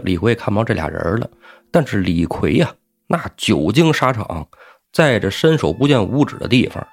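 A man hosting a storytelling show, narrating in a lively, colloquial way with asides to the listener. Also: fairly low pitch, vocal fry. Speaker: storyteller host.

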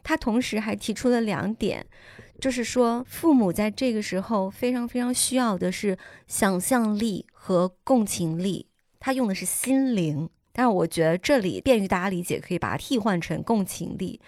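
Measured, reflective woman co-host. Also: medium pitch, darkish tone, dry recording, studio quality. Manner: measured, reflective, frequent murmured agreement. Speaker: podcast co-host. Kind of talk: casual chat.

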